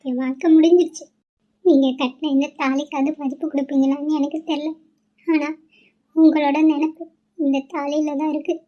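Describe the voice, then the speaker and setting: A woman's voice: high voice, flat delivery, normal speed, warm tone, muffled recording, lightly acted. A woman voicing a heartbroken young newlywed wife in a cartoon, speaking in a tearful, pleading way. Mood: grieving. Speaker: cartoon character voice. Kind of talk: cartoon voice acting.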